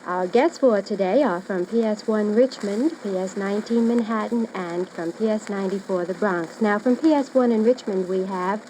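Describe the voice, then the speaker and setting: A woman's voice: mid-range voice, normal speed, few pauses, mellow. Woman quizmaster, noisy old radio. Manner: formal, carefully phrased address to children. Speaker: quizmaster and host. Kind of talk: hosting a children's radio quiz. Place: radio studio.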